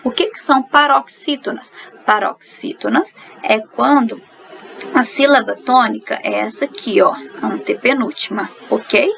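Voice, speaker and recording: Woman teacher, fairly high and gravelly, recorded lesson, light background hiss. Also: a little slow, fairly bright tone, low-quality recording. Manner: explanatory, asks and answers her own questions. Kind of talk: recorded online grammar lesson.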